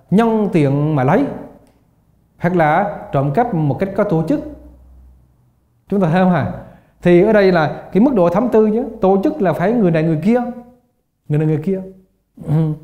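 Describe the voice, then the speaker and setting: A man's voice: high-pitched, expressive, normal speed, pauses often. An older man giving a Buddhist lecture, often asking his students rhetorical questions and laughing as he tells anecdotes. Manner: asks the class rhetorical questions and laughs while telling stories. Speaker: Buddhist teacher. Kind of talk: dharma lecture. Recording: echoey, dull lo-fi hall recording.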